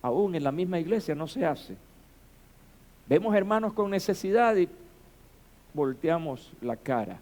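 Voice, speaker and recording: A man preaching a sermon as pastor, building to shouted emphasis and rhetorical questions. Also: on the high side, lively intonation, measured pace, long pauses.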